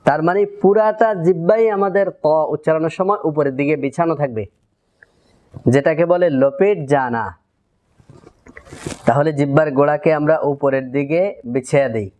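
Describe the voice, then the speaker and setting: A man teaching Quran pronunciation in a methodical tajweed lesson, repeating syllables deliberately for learners to copy. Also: a little high, darkish tone. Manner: drills letter sounds, repeats syllables deliberately.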